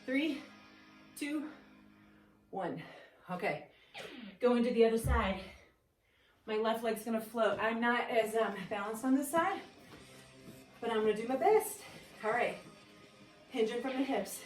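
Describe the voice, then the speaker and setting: A woman's voice: fairly high pitch, lively intonation, a little slow, long pauses. A woman fitness instructor leading a dumbbell workout, giving upbeat cues and countdowns. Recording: echoey room, mic at a distance, faint music. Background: faint background music.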